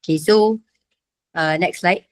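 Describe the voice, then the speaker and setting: A woman's voice: lowish voice, measured pace. A young woman with a Malaysian accent, sick with a sore throat and fever, giving a hesitant, informal slide presentation as a student. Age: young adult.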